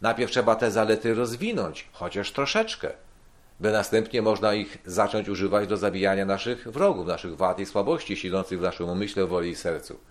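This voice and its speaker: Low-voiced man teaching scripture. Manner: measured, explanatory, repeats key points. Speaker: preacher. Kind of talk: sermon-style Bible teaching.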